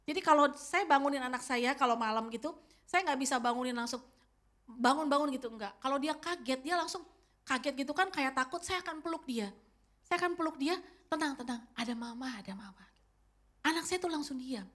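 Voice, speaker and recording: A woman's voice: high voice, quick pace, fairly bright tone. A woman in her fifties preaching a sermon as pastor, telling the story directly to her congregation. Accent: Indonesian. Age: 50s.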